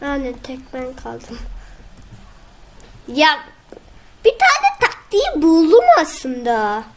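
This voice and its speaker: A young woman, casually commenting on her own gameplay, excitable and whiny when frustrated. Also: high-pitched, takes it slowly, a little hiss or hum. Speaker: gaming video host.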